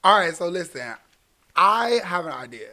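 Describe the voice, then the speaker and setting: A man's voice: high-pitched, very animated, moderate pace, bright, forceful tone. A man chatting casually in an upbeat way, setting up a game for the group. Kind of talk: casual chat. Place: backyard. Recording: noisy backyard recording.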